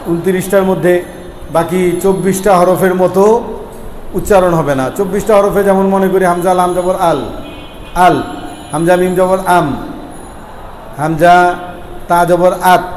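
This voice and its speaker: A man teaching Arabic letter pronunciation, repeating sounds and quizzing his class. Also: sits high. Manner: repeats sounds slowly, asks the class questions. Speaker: Quran recitation teacher. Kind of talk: explaining Arabic pronunciation lesson. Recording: echoey room with faint ambient noise.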